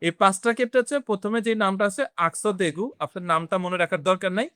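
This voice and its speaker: A man with a high-pitched, pushed, bright and smooth voice leads a beginners' French class. In a slow, step-by-step classroom lesson, he quizzes the students and blends in English words. The recording is dry and of studio quality.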